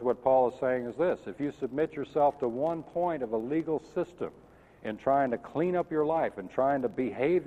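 A man preaches with earnest emphasis, pressing his listeners with questions as he teaches. His voice sits in a middle register. The recording is thin and phone-like, with a long reverb trailing off the hall. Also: medium pitch. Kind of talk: sermon. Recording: tinny lo-fi sound in a reverberant hall.

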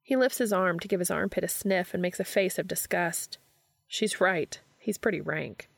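Gravelly low-voiced woman reading a story. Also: moderate pace, dry recording. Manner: steady, even narration. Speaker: fanfiction reader. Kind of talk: storytelling read-aloud.

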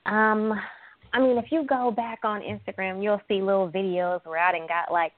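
A woman from San Francisco, a guest entrepreneur, talking in a lively, chatty way and laughing often. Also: medium pitch, moderate pace, no echo. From San Francisco, USA. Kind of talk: casual interview chat. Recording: thin phone-line sound, dry.

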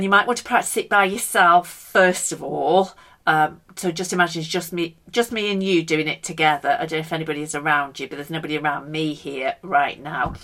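A woman's voice: deep voice, a bit bright. A woman leads a casual guided breathing lesson, talking the listener through steps in a playful, encouraging way. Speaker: breathing exercise instructor.

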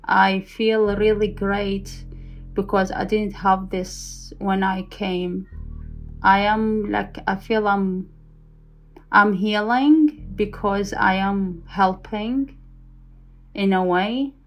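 A woman's voice: mid-range voice, fairly even intonation, takes it slowly, faint music behind, rough recording. A woman who works as a refugee volunteer, telling her own story in a hopeful, hesitant way with frequent restarts. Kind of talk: reflective personal testimony.

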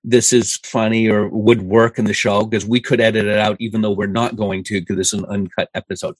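A man's voice: lowish voice, little pitch movement, brisk, no room sound. A man in his fifties co-hosting a podcast, chatting casually with dry, teasing humor over a video call. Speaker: podcast co-host. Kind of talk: casual chat.

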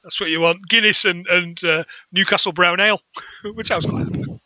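High bright guy, laughs a lot, dry close mic. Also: fairly even intonation, a little fast, no room sound. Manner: giggly, retells scenes and quotes lines. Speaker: podcast co-host. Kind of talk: casual chat.

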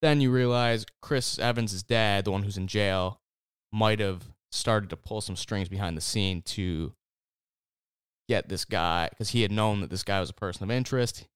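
A man with a lowish, smooth and resonant voice chatting casually with friends. He walks through a story in a loose, rambling way, full of "like" and restarts. The sound is close and dry. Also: moderate pace, no echo. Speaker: podcast host recapping a TV series. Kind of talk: casual chat.

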